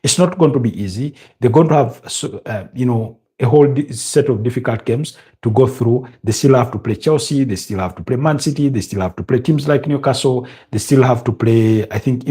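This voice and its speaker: A man with a Ugandan accent and a dark, mid-range voice hosts a live football watch-along. He chats casually and reads out viewer comments, filling the gaps with plenty of filler sounds.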